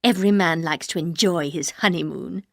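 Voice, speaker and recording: A woman voices a bitter housekeeper full of cold menace, stretching her words slowly and dropping into a hard whisper, pitched a touch below her own voice. Her tone is gravelly, low and cold, captured close in a dry recording.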